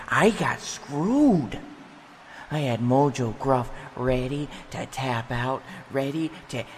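Actor as a bitter young wrestler, slow sneering rant, faint noise under it. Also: male voice, medium pitch, close to an everyday voice. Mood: furious. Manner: ranting, shouting and sneering. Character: bitter young male wrestler, furious at his father.

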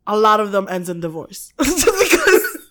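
A woman's voice: mid-range voice, big pitch swings, a little slow, a bit bright. A woman from the Philippines chatting casually as a podcast guest, laughing often, swearing freely and filling gaps with um and like. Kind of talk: casual chat.

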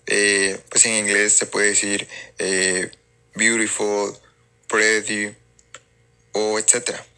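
A man from Mexico with a Mexican Spanish accent, calmly explaining in a recorded voice message. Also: lowish voice, slow, smooth. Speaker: language app user sending a recording.

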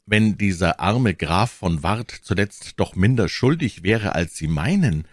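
A man's voice: sits low, lively intonation, unhurried, no room sound, clean studio sound. A man voicing a gallant, earnest young swordsman who speaks in a courtly, pleading way in an audiobook. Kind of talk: audiobook character voice.

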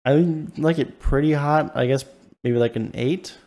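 Male co-host, easygoing chat, mid-pitched voice, lots of "like" and "um". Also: normal speed, a little mellow. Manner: hesitant, full of "like" and "um". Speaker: podcast co-host. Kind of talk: casual chat.

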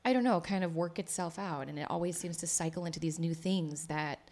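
A woman speaks in a low voice, telling her story as a guest in a relaxed interview. She rambles and chats freely, as an actor and playwright looking back on her path. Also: brisk. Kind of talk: casual interview chat.

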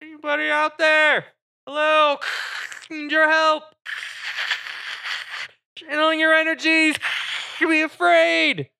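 Faint, dreamy, far-off spirit voice calling through a screen, high and airy, slow beckoning delivery. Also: male voice, little pitch movement, gravelly, bright, forceful tone, slight background noise, full character voice. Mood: eerie, beckoning. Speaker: game master.

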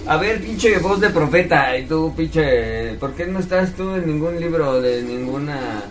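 A man's voice: on the high side, expressive, a little slow. A man with a Mexican accent in casual joking banter, teasing his friend with crude slang. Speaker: streamer. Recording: distant mic with clear background noise.

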